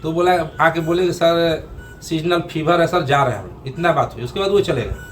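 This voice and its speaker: Guy answering press questions, defensive, lots of uhs, slightly high voice. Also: fairly bright tone, soft background music. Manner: defensive, halting with fillers. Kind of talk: press interview.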